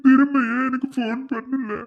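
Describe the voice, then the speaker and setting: A woman's voice: sits high, steady tone, normal speed, highs cut off. A woman voicing characters in a cartoon melodrama, crying and pleading in a broken voice. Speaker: voice actor for several cartoon characters.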